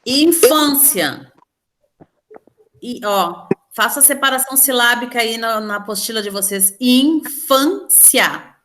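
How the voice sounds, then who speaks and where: Brazilian woman, teacher, slightly high voice, patient step-by-step explainer who quizzes the class. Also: measured pace, sharp tone. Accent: Brazilian Portuguese. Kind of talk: online class lesson.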